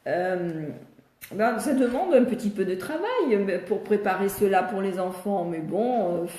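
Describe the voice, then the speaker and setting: An older woman speaks as a speech therapist in a live video Q&A, explaining things patiently and step by step. Her voice is warm and mellow. The room around her rings with echo. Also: medium pitch, expressive, measured pace. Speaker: speech therapist answering viewers' questions. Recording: echoey room.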